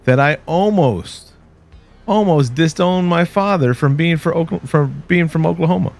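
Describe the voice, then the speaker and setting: A man's voice: fairly high pitch, normal speed, vocal fry, a little mellow, faint music behind. A man from Texas, co-hosting a podcast in rambling, jokey casual chat, often restarting mid-sentence. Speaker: podcast co-host.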